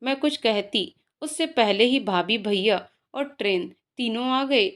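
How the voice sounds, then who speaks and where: A woman narrating an emotional first-person story in a soft, gentle reading voice. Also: fairly high pitch, lively intonation, measured pace.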